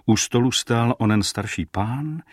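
A man with a husky voice giving expressive scripted narration of an old-fashioned story. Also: medium pitch, dry recording, clean studio sound. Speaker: audiobook narrator.

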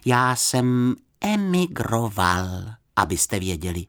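A man's voice: big pitch swings, fairly bright tone. Man doing a small polite storybook bear. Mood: earnest. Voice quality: high, clear little voice. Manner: polite, self-important. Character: small polite male bear, earnest and proud.

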